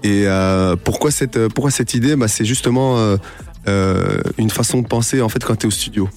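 Young guy, lowish voice, chatty and hesitant, radio studio with music bed in the back. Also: moderate pace. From Italy. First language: Italian. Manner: relaxed, hesitant with many fillers and restarts. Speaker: guest artist. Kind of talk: casual interview chat.

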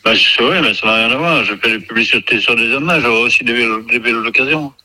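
A shopkeeper with a Verviers Belgian French accent answering a call over the phone, curt and matter-of-fact. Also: male voice, medium pitch, fast, pushed and bright, rough recording. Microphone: telephone on speaker.

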